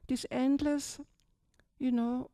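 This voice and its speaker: Older woman, Austrian accent, Buddhist nun, chatty retreat talk, mellow high voice, dry close mic. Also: level tone, slow, no echo. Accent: Austrian German. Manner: chatty, frequent "yes?" and "yeah?" checks. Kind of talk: retreat talk, personal story. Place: large dim hall, seated on a low stage. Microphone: handheld microphone.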